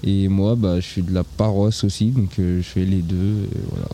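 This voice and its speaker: A man's voice: sits low, level tone, normal speed, mellow, a little hiss or hum. A teenage boy answering interview questions in casual, hesitant speech. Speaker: young guest.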